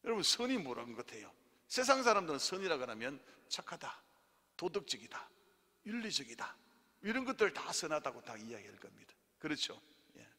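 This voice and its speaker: A male pastor teaching theology in a church, animated and leading the congregation in repeat-after-me lines and amens. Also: fairly high pitch, brisk. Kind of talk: sermon-style theology class. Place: church hall. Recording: hall reverb.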